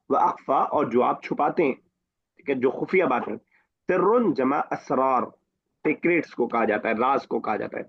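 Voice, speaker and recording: A man's voice: medium pitch, husky, no echo. A man teaching an Arabic lesson online, explaining each word step by step and often checking that students follow. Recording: dull dry online-call audio.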